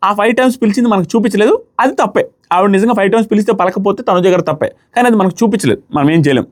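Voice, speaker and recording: A man's voice: high voice, racing. A young man reviewing a reality show, giving emphatic, argumentative commentary and hammering the same points again and again. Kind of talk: opinionated commentary.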